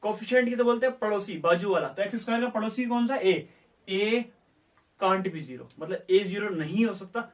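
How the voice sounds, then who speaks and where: Man, maths teacher, high voice, lesson style, asks and answers himself, mic a bit distant. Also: normal speed. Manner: asks questions and answers them himself, voices students' doubts. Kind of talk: classroom lesson explaining step by step.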